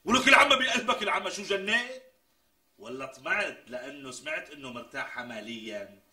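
Brief: sharp, bright-voiced sidekick, quick and lively. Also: male voice, fairly high pitch, exaggerated voice. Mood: incredulous. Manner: exclamatory, incredulous. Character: skeptical friend, quick to exclaim. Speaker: comic sketch character. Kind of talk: TV sketch comedy acting.

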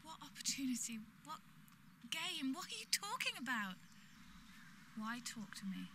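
Woman acting an exasperated woman facing a stalker, fairly high voice, defiant, blunt dramatic delivery, noisy ambience. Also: big pitch swings, unhurried, heavily acted. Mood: confused, challenging. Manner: blunt, dismissive.

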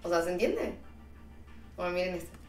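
A woman with an Argentine Spanish accent tells stories to her stream chat, slangy and chatty, laughing at herself. Her voice is on the low side, animated, a little mellow, at a moderate pace. The mic is distant in a roomy space, with faint music behind her.

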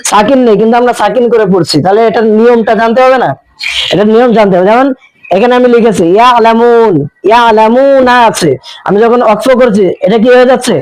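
A man with a Bangladeshi Bengali accent teaching the rules of pausing in Quran recitation, asking questions and answering them himself, with slow, drawn-out chanted recitation of example verses. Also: very high-pitched, darkish tone, smooth, dry recording, rough recording. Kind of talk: tajweed lesson with recited examples.

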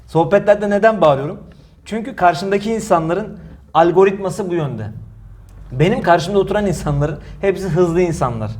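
A young man preaching in a mosque, answering a critic forcefully, with many rhetorical questions and repeated phrases. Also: high-pitched, moderate pace. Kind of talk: heated religious talk, defensive.

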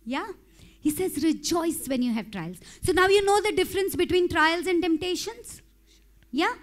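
A woman preacher with a strikingly high voice delivers an impassioned sermon on a church stage. She speaks into a handheld mic, building toward fervent prayer. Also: lively intonation, normal speed. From India. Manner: impassioned, rising to shouted prayer. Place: church stage with pink backdrop.

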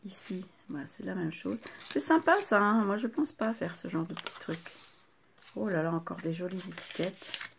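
Older woman host, gravelly lowish voice, chatty and delighted while unboxing crafts, faint noise behind. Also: steady tone, moderate pace. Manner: chatty, gushing exclamations over each item. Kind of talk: casual unboxing chat to viewers.

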